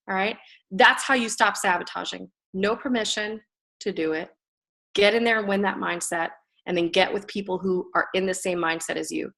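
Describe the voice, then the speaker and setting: A middle-aged woman coaching a group on a call, giving an energetic tough-love motivational talk. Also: mid-range voice, gravelly. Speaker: business coach.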